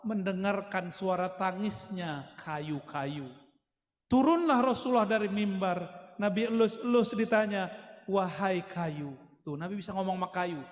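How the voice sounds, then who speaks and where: High-voiced joking preacher in an echoey hall. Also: male voice. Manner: joking, animated storytelling. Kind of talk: humorous sermon.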